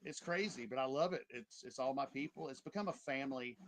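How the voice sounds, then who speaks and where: A man's voice: mid-range voice, fairly quick, fairly bright tone. A man casually telling rambling anecdotes as an interview guest. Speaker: event photographer, interview guest. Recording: clearly noisy background with clicks.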